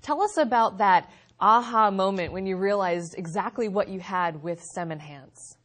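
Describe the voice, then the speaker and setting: Female infomercial co-host, mid-range pitch, polished scripted presenting. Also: moderate pace.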